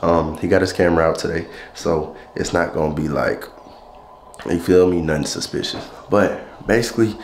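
With his stuffy nose and low-sitting voice, a young man vlogs at a moderate pace, addressing an arm's-length handheld camera in casual slang and excited greetings. Recorded in a small indoor room and then a large electronics store, the audio is reverberant with a little hiss or hum.

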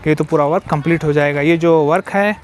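Against a noisy background, a man with a slightly high voice talks fairly quickly as he walks an outdoor construction site. Holding his phone to film, this civil construction vlogger explains the work in a repetitive, explanatory way, using English technical terms.

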